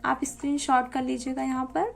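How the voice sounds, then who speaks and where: A young woman training to teach, walking viewers through a lesson plan in an explanatory tutorial style and reading quoted English lines slowly and deliberately. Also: high voice, completely flat delivery, creaky, soft background music. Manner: explanatory, addresses viewers directly. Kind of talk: spoken tutorial walkthrough.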